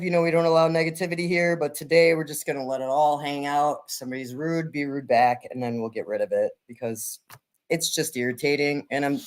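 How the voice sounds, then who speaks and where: Giggly woman co-host, casual chat in quick bursts, plenty of fillers. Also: sits low, a bit bright. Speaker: livestream co-host.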